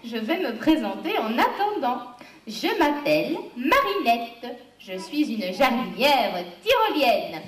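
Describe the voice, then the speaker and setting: A woman playing an excitable, scolding gardener in a children's puppet show, with silly clownish exclamations. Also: fairly high pitch, slow, heavily acted. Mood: cheerful. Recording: echoey room, distant mic, audience noise.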